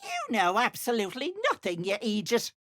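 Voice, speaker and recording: An actress playing a wicked old hag who poses as a kindly auntie in a video game, sly, wheedling and sharp-tongued, with sugary endearments. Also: female voice, on the high side, huge pitch swings, moderate pace. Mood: angry, threatening. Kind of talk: game voice acting, theatrical.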